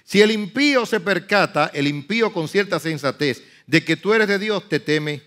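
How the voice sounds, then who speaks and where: A pastor preaching a sermon, swinging from soft murmurs to loud, high outbursts and acting out biblical speech with dramatic emphasis. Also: male voice, expressive, moderate pace.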